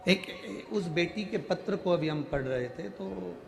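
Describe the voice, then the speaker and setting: A man's voice: high voice, measured pace, creaky, soft background music. A man preaching a devotional sermon to a large crowd, reading out a letter and speaking with emotion, his voice swelling on key words. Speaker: kathavachak preacher. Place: large crowded outdoor religious gathering.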